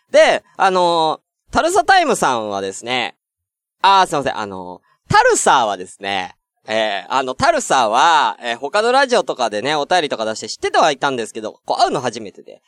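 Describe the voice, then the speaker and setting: A man hosting a podcast, telling a personal story in loose, filler-heavy chat and acting out the other people's lines. His voice sits a bit high and swings widely in pitch. The recording is dry and close, with no room sound. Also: fairly bright tone, no echo. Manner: chatty storytelling, many fillers, acts out quoted exchanges. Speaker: podcast host.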